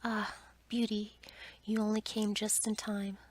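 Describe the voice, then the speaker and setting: A woman voicing a gentle, lovelorn male beast from a storybook in a faint, breathy whisper. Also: medium pitch, flat delivery, unhurried. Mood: faint, tender.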